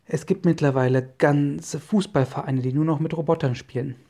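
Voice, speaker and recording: A man reading the lines of a hearty, hurried inventor professor in a children's audio story. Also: fairly high pitch, steady tone, warm tone. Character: excitable inventor professor, middle-aged man.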